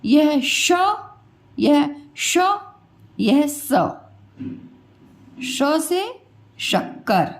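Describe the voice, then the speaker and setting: Patient woman teacher with a high voice who drills sounds one by one at an unhurried pace. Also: creaky. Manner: patient, repeats each sound and quizzes the listener. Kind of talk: classroom lesson on pronunciation.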